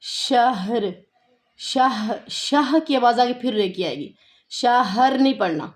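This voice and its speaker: A woman with a Pakistani Urdu accent teaching a tajweed lesson, slowly reciting verses word by word and patiently explaining the pronunciation rules. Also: fairly high pitch, lively intonation.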